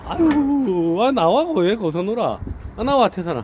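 A man's voice: sits high, sing-song, a little slow, noisy background. A man filming his dogs, giving a chatty running commentary and calling out to them between laughs. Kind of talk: casual running commentary to camera.

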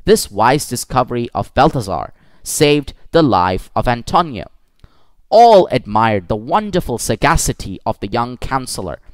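A man narrating a classic story for schoolchildren in an expressive manner, with occasional slips. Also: mid-range voice, normal speed, clear, resonant tone, no room sound.

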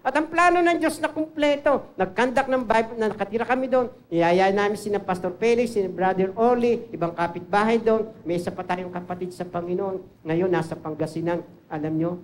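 Animated older Filipino pastor preaching. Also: male voice, high-pitched, a little hiss or hum. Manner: animated preaching, mixes English phrases into Tagalog, rises sharply for emphasis. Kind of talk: sermon with personal testimony.

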